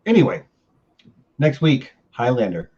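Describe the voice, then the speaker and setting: An easygoing male host leads a casual podcast chat with a guest. His voice sits at a middle pitch and sounds upbeat and friendly. His mic comes through slightly dull and lo-fi. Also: wildly swooping pitch, unhurried, darkish tone, husky.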